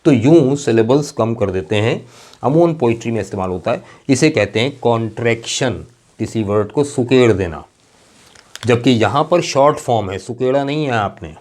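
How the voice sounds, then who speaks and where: Male teacher, mid-pitched, patient lecturing delivery with drawn-out example words. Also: a little mellow. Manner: explains patiently, spells words out slowly letter by letter, checks understanding often. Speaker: English teacher. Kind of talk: classroom lecture.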